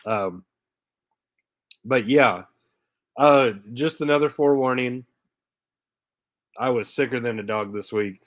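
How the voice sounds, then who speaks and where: A man in his thirties, stuffy with a head cold, hosts a live diecast car stream, speaking slowly with frequent pauses in a medium-pitched voice. He's laid-back and chatty, greeting viewers by name with little laughs, and there's no room sound.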